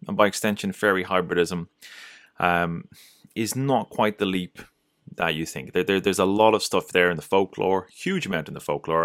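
A man's voice: deep voice, fairly bright tone, dry recording, clean studio sound. A man giving a casual, loosely structured lecture on folklore, often restarting his sentences. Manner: loose and digressive, with frequent restarts and fillers.

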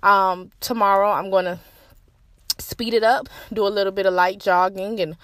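A woman's voice: mid-range voice, little pitch movement, brisk, fairly bright tone, no echo, studio quality. A young adult woman hosting a motivational podcast, talking casually and a little out of breath after a morning walk. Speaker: podcast host and life coach.

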